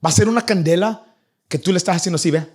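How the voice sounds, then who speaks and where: A young man preaching a sermon to his church, animated and acting out the people in his stories. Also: high voice, very fast, husky. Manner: animated, acts out nagging parents in a raised voice. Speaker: pastor. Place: church in Vancouver.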